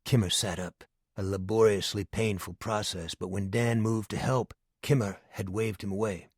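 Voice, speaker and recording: A man narrates an audiobook in a measured, often hushed delivery. His voice sits on the low side. The close studio recording is dry with no room sound. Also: fairly even intonation, no echo.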